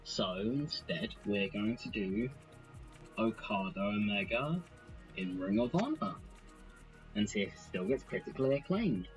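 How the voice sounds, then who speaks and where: A man with a fairly low voice talks through a game in a loose, rambling way, poking fun at himself as he goes. Soft music plays quietly in the background. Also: animated, measured pace, muffled recording. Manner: rambling, self-deprecating, chatty. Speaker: let's play host. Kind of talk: casual game commentary.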